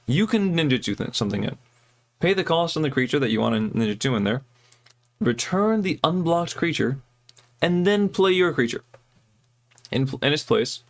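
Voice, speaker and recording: A man casually reviewing trading cards, chatty and joking, often correcting himself mid-sentence. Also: mid-range voice. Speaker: card game reviewer. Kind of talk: casual card review commentary.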